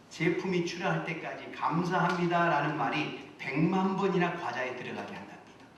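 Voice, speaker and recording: A man's voice: on the high side, a bit bright, a little hiss or hum. Preaching man in an echoey church. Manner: earnest preaching, rising to emphatic exhortations. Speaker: senior pastor. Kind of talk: sermon. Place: church sanctuary. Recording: echoey church hall, mic at a distance.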